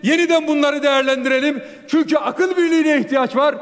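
A male member of parliament gives a floor speech at a rostrum microphone in a large chamber. His high voice is forceful, raised, and declamatory, with fairly even intonation and a brisk pace. The long reverb of the chamber echoes around him.

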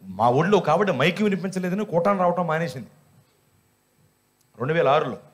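A man, a pastor, preaching a sermon in an animated, humorous way and scolding his listeners with rhetorical questions. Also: a little high, a little fast.

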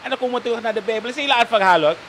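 A man with a Surinamese Dutch accent, holding forth as a guest on a live talk show. His voice sits high and sounds bright and forward, and he keeps asking "toch?" as he talks. A faint hiss runs under him. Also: very fast. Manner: tags nearly every sentence with "toch?", slips into Sranan phrases. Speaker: political commentator guest.

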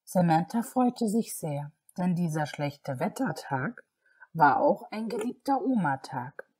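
A woman narrating a children's audiobook in calm scripted storytelling. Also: lowish voice, husky.

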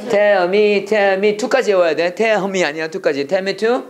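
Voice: mid-range voice, drawn-out words, soft background music. A Korean speaker teaching English prayer phrases to a class, drilling lines and having students repeat. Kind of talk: classroom lesson, call and response drills.

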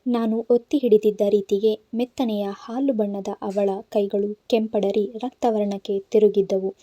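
A woman's voice: medium pitch, fairly even intonation, a little slow, mellow, dry recording. A woman reading an audio novel aloud, telling a man's story in first person and voicing its characters. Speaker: narrator. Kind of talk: Kannada audio novel narration.

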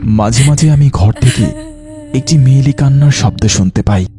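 A man's voice: medium pitch, moderate pace, warm tone, soft background music. A man narrating a dramatized first-person ghost story in an earnest, dramatic way.

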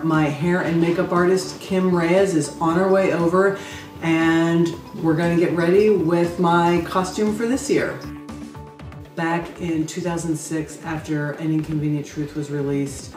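Low-voiced American woman vlogging in echoey room. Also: a little mellow, recorded from a distance. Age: middle-aged. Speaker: vlogger and charity plunge participant. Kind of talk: casual vlog to camera. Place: living room at home.

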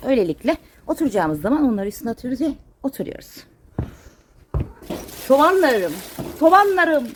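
A woman's voice: on the high side, big pitch swings, rapid-fire, mellow, slight background noise. A woman vlogging casually as she cleans and gardens, chatting to her viewers, her pets and her plants. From Turkey. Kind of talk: casual chat while doing chores. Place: home and garden.

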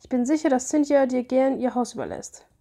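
A flustered young houseman gushing over a star, read aloud by a woman, pitched up and eager. The tone stays soft and mellow. He trips over his words in excitement. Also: brisk, vocal fry. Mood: coaxing. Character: excitable young male housekeeper, starstruck fan.

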